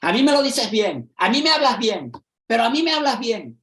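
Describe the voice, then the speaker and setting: A man's voice: big pitch swings, moderate pace, fairly bright tone, echoey room, heavily acted. A touchy teenager who bristles at any hint of being spoken to harshly, as a man puts him on. The voice jumps well above the speaker's own and keeps hammering the same complaint, defiant and indignant. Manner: high, indignant, repeating itself. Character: angry defiant teenager, touchy and shouting back.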